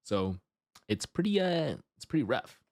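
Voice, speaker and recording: A man hosting a livestream with casual chat and commentary, jumping from excitable exclamations to low asides. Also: unhurried, creaky, no echo, clean studio sound. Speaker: livestreamer and host.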